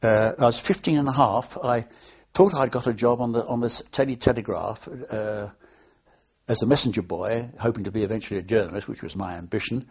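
Recorded with dull audio, this older London man sits for an oral history interview and reminisces off the cuff. He rambles anecdotally and hesitates often, speaking a little fast in a fairly low, slightly rough voice.

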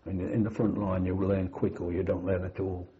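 Low-voiced old British veteran remembering. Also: male voice, level tone, a little hiss or hum. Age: older. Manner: measured, matter-of-fact recollection with dry understatement. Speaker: army veteran, former platoon sergeant. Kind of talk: old veteran remembering, oral history interview. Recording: dull, lo-fi interview recording.

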